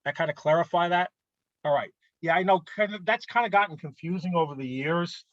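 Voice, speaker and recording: A man presenting rules to an art club in a casual instructional talk, often pausing to ask "okay?". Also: a little high, dry recording, lo-fi sound. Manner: conversational, frequent "okay?" check-ins.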